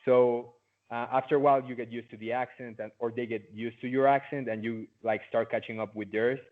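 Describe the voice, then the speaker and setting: Over a tinny, phone-like video call, a former student answers interview questions casually, dropping "like" again and again. He's a late-teen native Spanish speaker from Mexico with a Mexican Spanish accent, and his mid-range voice moves a little fast with fairly even intonation.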